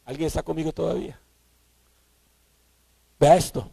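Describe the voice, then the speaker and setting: A man preaching a sermon, emphatic, rising to shouts and repeating his key points. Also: a little high, fairly even intonation, normal speed, gravelly, breathy edge, no room sound.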